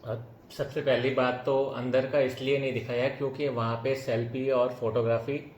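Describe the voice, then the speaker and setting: A man with an ordinary mid-range voice talks casually at home, teasing at first and then explaining in an even way. His voice bounces around an echoey room. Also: mid-range voice, normal speed, slight background noise. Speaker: vlogger's husband, co-host. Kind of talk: casual chat.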